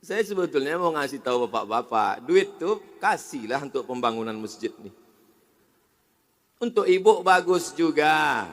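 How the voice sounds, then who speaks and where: High, bright preacher in an echoey mosque. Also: male voice. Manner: swings between loud exhortation and soft joking asides. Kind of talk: sermon. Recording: echoey hall reverb.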